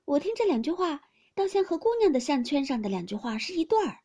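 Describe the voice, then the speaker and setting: A woman voicing a chirpy, giggly young maid who chatters brightly and excitedly in a storybook reading. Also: high voice, fast talker, voice pushed up.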